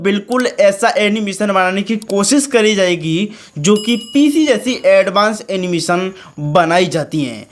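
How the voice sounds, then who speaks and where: A tutorial channel host with a high, fairly bright voice explains the steps on screen in a screen-recorded tutorial. He is chummy and direct, calling his viewers friends and brothers.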